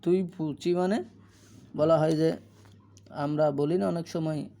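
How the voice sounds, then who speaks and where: Slow, gravelly-voiced male language teacher. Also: on the high side, fairly even intonation, mellow. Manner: repeats phrases slowly for learners. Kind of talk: slow explanatory language lesson.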